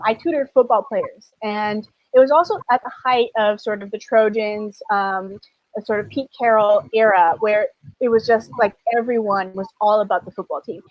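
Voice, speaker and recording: A woman's voice: mid-range voice, no room sound, muffled recording. A woman born in China and raised in Canada, a documentary director answering interview questions thoughtfully, with frequent restarts.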